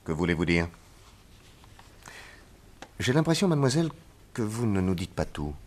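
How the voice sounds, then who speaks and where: In an old radio drama, an actor voices a shrewd, calm male detective with a low voice. He questions witnesses in a measured, probing manner.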